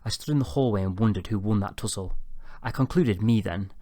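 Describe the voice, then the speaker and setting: A man reading a first-person novel aloud in a calm, low-key storytelling manner. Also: fairly quick, dry recording, studio quality. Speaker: audiobook narrator. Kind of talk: first-person audiobook narration.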